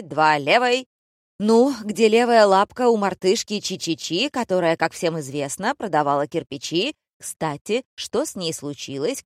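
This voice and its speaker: A woman playing a rude, shouting male director. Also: medium pitch, no room sound, clean studio sound, close to an everyday voice. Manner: shouting, mocking, theatrical insults. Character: loud rude bossy male theatre director. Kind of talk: audiobook character voice.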